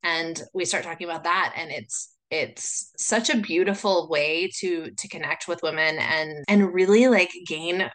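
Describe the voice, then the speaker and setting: Talking solo on her podcast, an American woman rambles casually with plenty of "like" and "you know" fillers. Her lowish, fairly bright voice moves at an unhurried pace with hardly any pauses.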